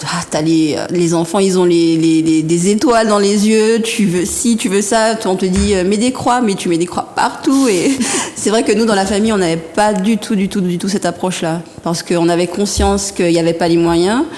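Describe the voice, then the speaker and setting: A woman in her thirties from Martinique, a guest artisan telling her story in a soft, hesitant, often laughing way. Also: fairly low pitch. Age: 30s. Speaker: guest artisan and interior decorator. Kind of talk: casual interview talk. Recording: reverberant room with faint background noise.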